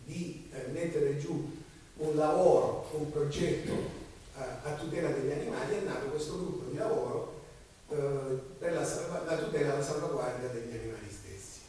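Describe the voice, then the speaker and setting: A man hoarse with a cold, speaking haltingly as a committee spokesman explaining things at a public meeting. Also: on the high side, dark tone. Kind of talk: semi-improvised public meeting speech. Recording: very echoey room, distant mic, faint hiss.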